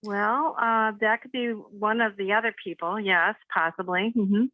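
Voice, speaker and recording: A woman's voice: mid-range voice, fairly even intonation, unhurried, dry recording. Female radio show caller, hesitant and friendly, on a thin phone line, dry sound. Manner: hesitant, friendly, short answers. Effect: caller heard over a phone line on a radio show.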